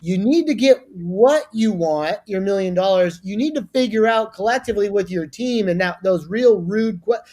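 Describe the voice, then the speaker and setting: A man's voice: high voice, moderate pace, few pauses. Emphatic man giving business advice. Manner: energetic, repetitive restarts, emphatic. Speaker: guest.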